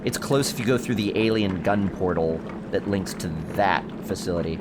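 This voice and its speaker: A man's voice: sits low, normal speed, heavy background noise. A young man chatting casually while streaming a survival game, rambling through stories and answering his chat. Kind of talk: casual gameplay commentary.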